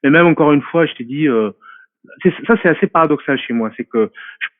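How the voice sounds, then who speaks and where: A man's voice: fairly high pitch, fairly quick, no echo. A man in his forties answers questions from afar, his voice thin and phone-like on a dry, close line. He thinks aloud, stumbling over fillers and repeating words as he gropes for the right phrase. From France. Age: 40s. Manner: hesitant and reflective, many fillers and restarts. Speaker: guest. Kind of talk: casual interview talk. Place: remote call from a mountain home.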